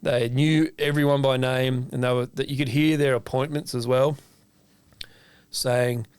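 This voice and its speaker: An Australian man in casual conversation, recorded dry and close with no room sound. He tells stories with lively, acted-out quotes and swears freely. His voice sits at an ordinary middle pitch. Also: measured pace, smooth, no echo. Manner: animated storyteller acting out both sides of a conversation. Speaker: chef and podcast co-host. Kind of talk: casual chat.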